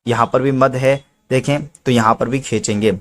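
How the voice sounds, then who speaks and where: A man teaches Quran reading in a calm, patient, explanatory way, walking through each rule step by step. His voice sits at an everyday middle pitch, and he stretches the letter names long when he recites them. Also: moderate pace.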